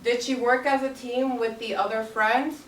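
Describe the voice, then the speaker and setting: Heard through a distant camera mic in a carpeted classroom full of young children, the audio is echoey, distant, and noisy. The young woman teacher has a fairly high pitch, fairly even intonation, and normal speed as she reads a story aloud, prompting pupils with questions and repeating their answers back.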